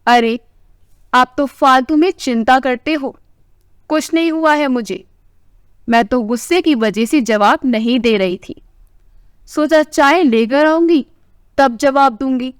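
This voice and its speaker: A woman voicing a sharp-tongued older wife who scolds her husband with a caring side, in a family story. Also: high voice, slow pace, pauses often, smooth, dry recording, studio quality. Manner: scolding, tart.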